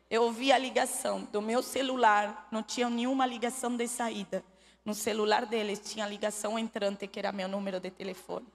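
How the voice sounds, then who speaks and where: A woman telling her testimony in a church, making earnest, pleading appeals to the listener. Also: medium pitch. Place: church hall. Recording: long church hall reverb.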